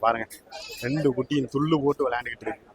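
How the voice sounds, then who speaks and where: Fast-talking man interviewing at a goat market. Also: mid-range voice. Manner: repeats back each answer, chatty. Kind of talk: casual on-the-spot interviewing. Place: outdoor livestock market. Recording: noisy outdoor market crowd. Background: crowd chatter and goats bleating.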